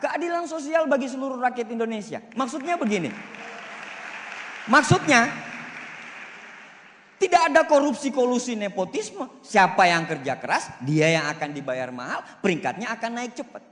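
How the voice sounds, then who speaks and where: Man speaking in a reverberant hall. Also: very high-pitched. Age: 40s. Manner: animated, boastful, jokey, shifts loud and soft. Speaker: motivational speaker. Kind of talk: seminar success talk. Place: large hall.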